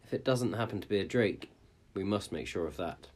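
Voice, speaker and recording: A man's voice: low voice, expressive, brisk, soft background music. A man reading a story aloud and voicing a thrifty, half-blind old woman. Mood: eager.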